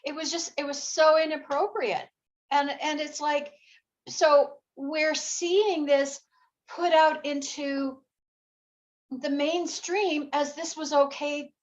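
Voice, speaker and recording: A woman's voice: high voice, steady tone, takes it slowly, lo-fi sound. A woman speaking hesitantly and reflectively in a casual group chat.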